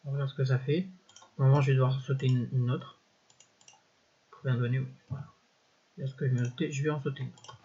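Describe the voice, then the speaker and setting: A man giving a casual, think-aloud coding walkthrough over a screen recording, often pausing to correct himself and filling gaps with little interjections. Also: mid-range voice, flat delivery, dark tone, highs cut off, slight background noise. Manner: thinks aloud, peppered with "voilà" and "hop"; self-correcting, halting phrasing. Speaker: coding tutorial instructor.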